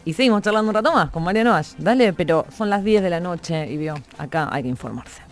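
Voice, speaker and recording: A woman's voice: on the low side, lively intonation, fast talker, soft background music. Chatty Argentine radio host woman. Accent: Rioplatense Spanish. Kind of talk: casual radio interview.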